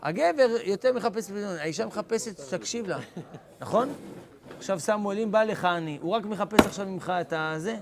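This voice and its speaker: A rabbi leads an informal class for students, speaking in a fairly high, gravelly voice. He is lively and calls students by name as he teaches. He acts out little scenes from daily life to make his point. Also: crowd noise.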